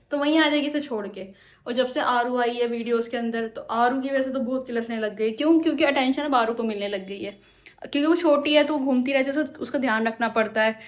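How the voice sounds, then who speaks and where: A young woman vlogger at home, chatting at length about her pets and answering her own rhetorical questions. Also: on the high side. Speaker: vlogger and parrot owner. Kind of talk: casual explanatory vlog talk. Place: at home indoors.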